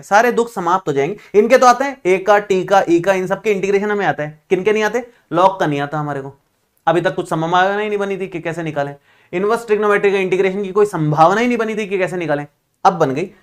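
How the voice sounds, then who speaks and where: Chatty, reassuring male math teacher. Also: high-pitched. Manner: chatty, reassuring, teasing students. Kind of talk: classroom math lecture.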